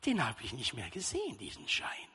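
A man voicing a sly middle-aged male church sexton who plays deaf, speaking low and hushed, in a reverberant hall. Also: huge pitch swings, a little fast, breathy edge, heavily acted. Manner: low, hushed, feigning not to hear.

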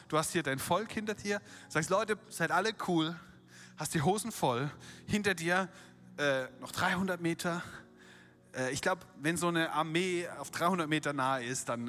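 Animated, bright-voiced male preacher. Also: fairly high pitch. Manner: animated storytelling, acting out quotes, rhetorical questions. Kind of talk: sermon.

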